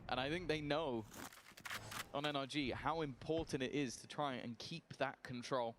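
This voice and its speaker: A man's voice: mid-range voice, normal speed, noisy background. A man giving live esports caster commentary, following the action and analysing play.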